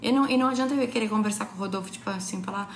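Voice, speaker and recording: A woman co-hosting a casual advice podcast from a home kitchen table, telling stories in a lively, playful way. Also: medium pitch, rapid-fire, slight background noise. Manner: animated, playful storytelling. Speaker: podcast co-host. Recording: roomy kitchen with faint ambience.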